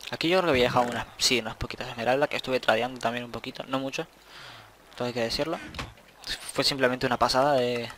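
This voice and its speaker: A man's voice: medium pitch, fairly bright tone, a little hiss or hum. A young man, rambling casually to himself while commenting on his gameplay and swearing at the game now and then. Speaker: gaming channel host.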